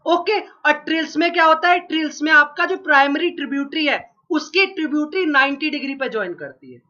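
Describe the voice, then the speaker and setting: Expressive and a little fast, a man with a very high, pushed, bright voice reviews geography ahead of an exam. He coughs every so often because of a cold and sore throat, and he asks a question then repeats the answer for each point. The sound is dull and lo-fi.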